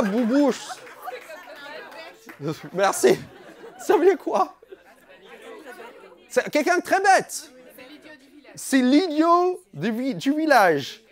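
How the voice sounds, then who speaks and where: A man, doing playful stand-up crowd work on a comedy club stage, teasing and mock-outraged. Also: very high voice. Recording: live club audience audible.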